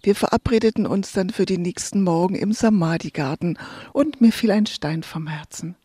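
A radio host narrates a scripted story in a soft, earnest tone. The voice is mellow and breathy, and it was recorded dry and close, with no room sound. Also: medium pitch, moderate pace, no echo.

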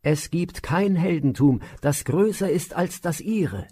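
A man's voice: on the high side, expressive, unhurried, warm tone, husky, pitched above the performer's own voice. A man voicing a wise old royal teacher who speaks in a solemn, reassuring way.

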